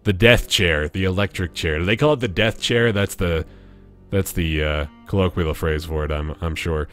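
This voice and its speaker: A man's voice: deep voice, moderate pace, a bit bright, soft background music. A man hosting a gaming video with casual, joking commentary, often talking to himself. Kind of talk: casual let's play commentary.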